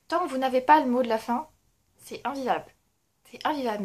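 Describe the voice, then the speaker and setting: Chatty young woman with a raised voice. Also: a little high. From France. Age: young adult. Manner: chatty, self-mocking, laughs often. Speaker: book blogger. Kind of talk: casual monthly reading review.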